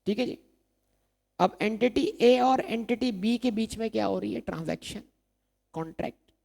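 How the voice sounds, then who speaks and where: Male exam-prep lecturer, dark and gravelly tone, repeats key terms as he drills students. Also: sits high, moderate pace. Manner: asks rhetorical questions and answers them himself, repeats key terms. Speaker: accounting lecturer.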